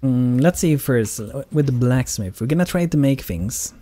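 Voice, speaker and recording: A man's voice: medium pitch, animated, moderate pace, mellow. A man giving casual live gameplay commentary as a streamer, rambling and repeating words for emphasis. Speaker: game streamer.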